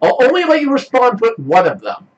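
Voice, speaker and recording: Man, game master, high voice, very lively pitch, faint hiss behind. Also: fairly quick, muffled recording. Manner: animated, laughing, lively pitch swings. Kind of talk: narrating a tabletop game.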